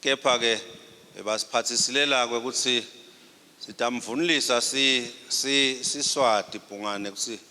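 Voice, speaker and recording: A man giving a formal ceremonial welcome speech with halting, deliberate phrasing. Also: mid-range voice, steady tone, bright, forceful tone. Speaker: royal delegate giving a welcome address. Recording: echoing hall, faint noise.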